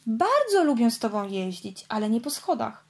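A woman's voice: a little high, very animated, normal speed, darkish tone. A woman voicing a grumpy young boy race car in a storybook, sulky and complaining. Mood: earnest. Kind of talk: storybook read-aloud.

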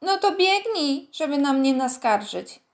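A woman's voice: sits high, sing-song, unhurried, pitched above the performer's own voice, full character voice. A woman voicing a stubborn, whiny little schoolboy who threatens to tell the teacher. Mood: wailing.

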